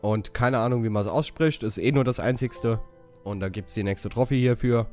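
A man giving a casual game walkthrough, haltingly reading out English dialogue options and correcting himself as he goes. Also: mid-range voice, a little mellow, faint music behind. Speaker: gaming channel host.

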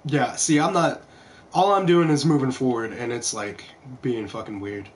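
Recorded on a headset in an indoor room at home, the clearly noisy stream features a young gamer offering casual commentary with sweary, self-deprecating jokes. He speaks in a mid-range voice at a moderate pace.

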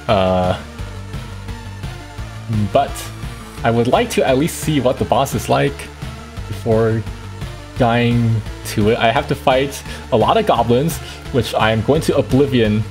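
A man streaming a game, chatting casually and thinking aloud with quick reactions. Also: mid-range voice, faint music behind. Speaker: gaming streamer.

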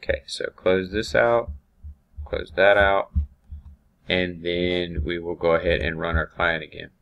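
A man teaching automation software over a screen recording, thinking aloud with ums and restarts. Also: low-pitched, little pitch movement, a little slow, lo-fi sound. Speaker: automation instructor.

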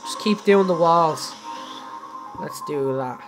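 On the high side and slow, this young Irish man's voice guides viewers through a building tutorial during a game live stream. He's chatty and talks straight to his audience, laughing a lot, with faint background music.

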